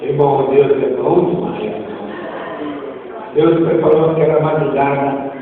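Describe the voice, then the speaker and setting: A man giving a spoken testimony during a church service, telling his story in a lively way and often calling the listener "brother.". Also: fairly high pitch, unhurried, crowd noise. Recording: tinny, distant, echoey hall recording.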